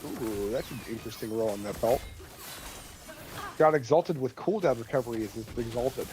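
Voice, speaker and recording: Mid-pitched gamer thinking aloud about loot. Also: normal speed, rough recording. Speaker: co-op gaming partner. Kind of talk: casual gaming chat.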